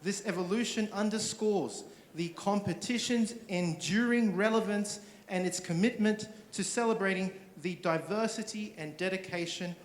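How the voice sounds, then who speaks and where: High-voiced man giving a formal speech. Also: moderate pace, few pauses. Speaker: event speaker. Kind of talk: formal scripted tribute speech. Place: large indoor event venue. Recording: echoey venue sound system.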